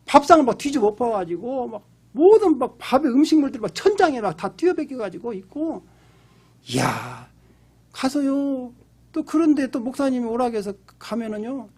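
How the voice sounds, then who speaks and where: Korean pastor, male, sermon delivery, animated swinging pitch, husky edge, acts out voices in stories. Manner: emphatic storytelling, acts out pleading voices.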